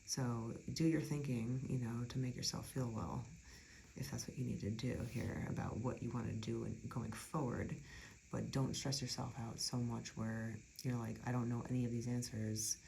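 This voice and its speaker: A tarot reader talking through a card spread in a chatty, reassuring way, often dropping into soft near-whispers. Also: mid-range voice, fairly even intonation, moderate pace, creaky, slight background noise, low-quality recording. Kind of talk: casual tarot reading.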